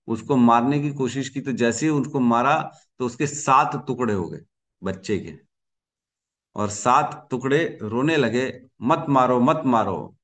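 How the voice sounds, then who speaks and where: A man teaching a scripture class, telling a story with questions and asides to the class. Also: medium pitch. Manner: chants verses for the class to repeat.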